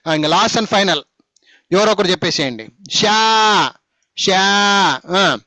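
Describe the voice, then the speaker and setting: A man with a Telugu accent runs a phonics class, firing questions at his students and scolding them with teasing jabs. His voice sits on the high side for a man. It is recorded close and dry, with no room sound. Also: lively intonation, measured pace, bright, forceful tone, dry recording. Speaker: spoken English teacher.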